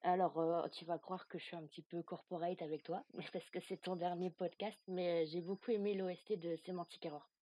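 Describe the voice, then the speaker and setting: A woman podcast guest with a fairly low, mellow voice, answering quickly and frankly in a relaxed tone. The sound is dry and close, with no room echo. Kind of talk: casual interview answers.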